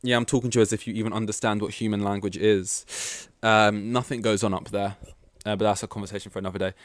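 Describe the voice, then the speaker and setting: Rambling man, low smooth voice. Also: level tone, quick pace, no echo, studio quality. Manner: rambling, offhand, swears casually. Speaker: podcast host. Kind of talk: rambling solo podcast chat. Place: at home with his dog. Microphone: desk mic, plugged in.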